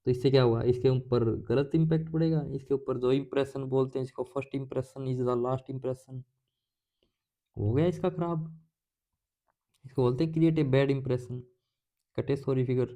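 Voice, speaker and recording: This man speaks at a measured pace in a mellow, mid-range voice with fairly even intonation. He's teaching English idioms in a relaxed lecture, quizzing himself aloud and supplying the answers, with jokey asides sprinkled through.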